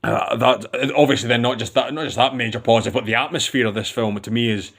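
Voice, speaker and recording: A man's voice: mid-range voice, steady tone, fast talker, fairly bright tone. A man giving a casual, rambling film review with enthusiasm, often restarting his sentences.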